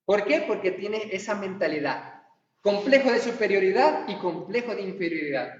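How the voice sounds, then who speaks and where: A man preaching a sermon, animated and acting out quoted dialogue. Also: sits high, moderate pace. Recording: echoey hall, far from mic, dull lo-fi sound.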